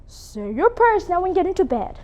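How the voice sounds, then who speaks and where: A woman's voice: extremely high pitch, big pitch swings, moderate pace, mellow. A woman playing a stern, strict older spinster in a competitive interpretation piece, scolding and disapproving.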